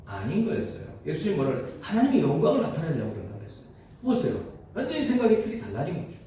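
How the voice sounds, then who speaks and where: A man's voice: fairly high pitch, wildly swooping pitch, rapid-fire, dark tone. A man preaching a sermon to his congregation in a conversational way, putting rhetorical questions to his listeners. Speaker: pastor. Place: church sanctuary. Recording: echoey church hall from far off.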